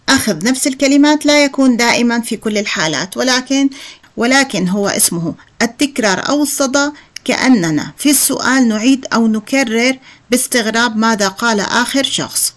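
A woman with a fairly high voice, teaching an English workbook lesson. She reads each example sentence slowly and carefully, then translates it and explains the grammar at a steady teaching pace. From Jordan.

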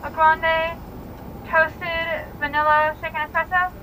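Bright woman on a drive-thru speaker. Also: very high voice, flat delivery, a little hiss or hum, low-quality recording. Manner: quick, apologetic service talk.

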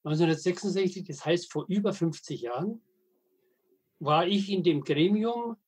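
This podcast guest is a veteran wastewater engineer and editor from Middle Franconia, Germany, now in his eighties. His husky voice is high and a little mellow with lively intonation, and his anecdotes come out haltingly, full of restarts and hesitations, laced with dry wit.

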